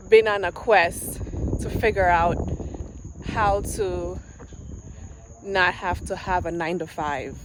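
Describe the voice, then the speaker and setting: Vlogging on a quiet street, a woman in her forties from Jamaica talks to a handheld camera in a lowish voice. She is earnest and reflective, pausing and restarting as she speaks. The outdoor recording picks up insects and passing vehicles.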